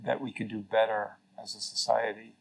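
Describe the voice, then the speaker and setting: The speaker, a middle-aged man from Mexico who once ran a carbon registry, appears as a guest in a casual interview, earnest and reflective with many fillers and restarts. His voice is on the low side, creaky with a breathy edge, flat in delivery at normal speed. Audio is poor.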